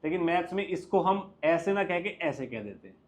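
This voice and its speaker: Indian guy teaching maths in a classroom, kinda high voice, keeps asking the kids questions. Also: normal speed. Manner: lively, coaxing, asks students questions. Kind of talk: classroom lecture mixing Hindi and English.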